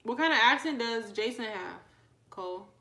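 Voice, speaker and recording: An expressive woman with a fairly high voice, speaking at normal speed in a reverberant room, hosts a casual livestream. She chats with viewers, reads out their comments, asks them questions and welcomes newcomers with shout-outs.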